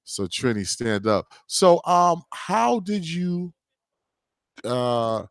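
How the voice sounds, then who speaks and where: A man's voice: a little high, big pitch swings, very slow, smooth, no echo, studio quality. A man hosting a radio interview, talking in an enthusiastic, hyped-up way. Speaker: radio host.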